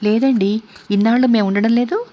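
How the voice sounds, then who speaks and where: A woman doing a quiet, modest young man. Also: a little high, a little fast, lo-fi sound, voice pushed up, lightly acted. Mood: calm. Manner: mild and humble.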